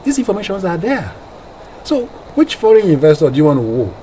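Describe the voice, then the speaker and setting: A man's voice: sits high, huge pitch swings, brisk, warm tone, slight background noise, rough recording. A man speaking as a studio guest and researcher on a radio talk show, in an emphatic way with repeats for stress.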